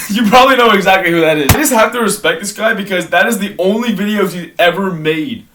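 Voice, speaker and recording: A man's voice: sits high, fast. A young man rambling casually through a ranked list, often correcting himself and trailing off mid-sentence. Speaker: host ranking favorite creators. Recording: distant mic with clear background noise.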